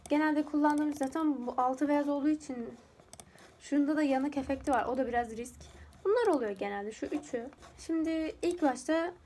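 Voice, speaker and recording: Young woman, high voice, rambling casual tutorial chat, at home, faint background hiss. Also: darkish tone. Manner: rambling, chatty, laughs often. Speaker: YouTuber teaching photo editing.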